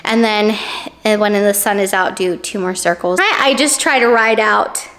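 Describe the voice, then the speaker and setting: A woman's voice: mid-range voice, normal speed, a bit bright. A woman vlogging in a casual, chatty way, laughing often and filling her talk with "like". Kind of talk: casual vlog chat.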